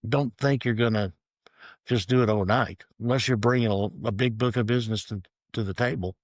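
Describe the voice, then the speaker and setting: A middle-aged man, a real estate agent, telling stories in a relaxed interview with dry humor. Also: on the low side, brisk, no echo. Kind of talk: casual interview storytelling.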